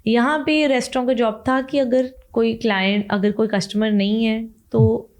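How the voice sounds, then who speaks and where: A woman's voice: a little high, fairly even intonation, normal speed. A young woman, an interview guest, telling her life story in an emotional, chatty way and mixing in English phrases. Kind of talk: casual interview talk.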